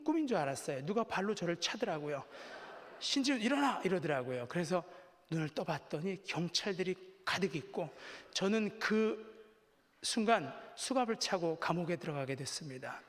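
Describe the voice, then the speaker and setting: Pastor preaching in a reverberant church hall. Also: male voice, a little high. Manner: conversational and self-deprecating, acting out quoted voices. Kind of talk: Sunday sermon with personal storytelling. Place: church sanctuary.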